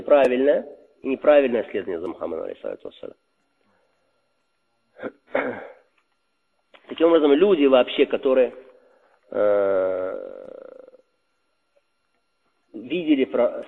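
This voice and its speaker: A husky man teaches a religious lesson, posing questions to his listeners and answering them himself. His voice carries a long reverb and comes through a thin, phone-like line. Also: medium pitch. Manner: asks rhetorical questions and answers them, repeats key terms. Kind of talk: religious lesson explaining a text. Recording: reverberant hall over a tinny phone-like line.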